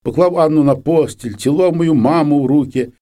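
A man narrating a story in the first person, with expressive, vivid storytelling. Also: on the high side, fairly quick. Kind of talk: scripted narration.

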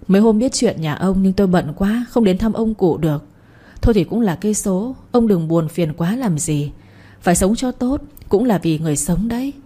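A woman's voice: medium pitch, dark tone, breathy edge. Woman playing sly thieving village man Tuấn. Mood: falsely friendly. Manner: taunting, fast and scornful.

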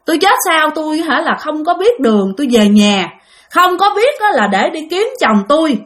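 A woman voicing the lost ghost of a dead woman searching for her husband, speaking in a halting, plaintive way. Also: high-pitched, big pitch swings, fairly bright tone, voice pushed up. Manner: plaintive, halting with many "hả" fillers.

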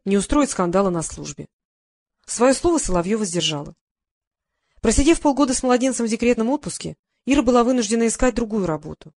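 A woman narrating a novel as an audiobook in an even, measured reading voice. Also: on the high side, dry recording, studio quality. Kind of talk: scripted narration.

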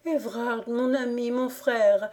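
A woman reading the lines of a grave, dignified young woman, earnest and measured. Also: fairly high pitch, fairly even intonation, darkish tone, voice pushed up. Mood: sad. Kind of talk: audiobook character reading.

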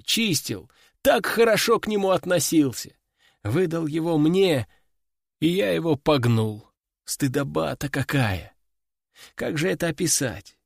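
Brief: male audiobook narrator, slightly high voice, dry close sound, wry delivery. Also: vocal fry, no echo. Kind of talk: scripted fiction narration.

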